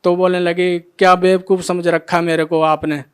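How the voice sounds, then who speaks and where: A man's voice: sits high, little pitch movement, normal speed, smooth. A middle-aged man emotionally telling his testimony as a devotee, acting out the dialogue of each scene. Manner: retells scenes by acting out every line of dialogue.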